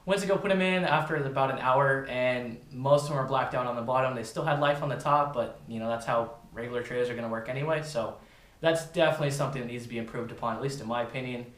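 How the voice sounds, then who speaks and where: A man's voice: mid-range voice, fast talker, a bit bright, roomy sound. A man giving a casual, informal product review, talking directly to his viewers. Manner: informal, addresses viewers as "you guys".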